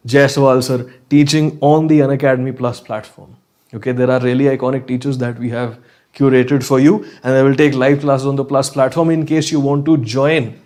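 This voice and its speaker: A man with a North Indian accent and a medium-pitched, darkish voice teaches a live online class conversationally. He often checks in with short questions and slips Hindi phrases into his English.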